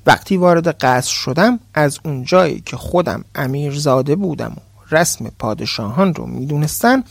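Male podcast storyteller, dramatic and expressive; fairly high, lively voice. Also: gravelly, no room sound, clean studio sound. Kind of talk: scripted storytelling narration.

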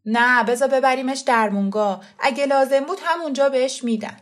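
A woman's voice: sits high, voice pushed up, close to an everyday voice. An impatient, stern father, read by a woman in a storybook reading. He sounds raised and accusing, with no patience left.

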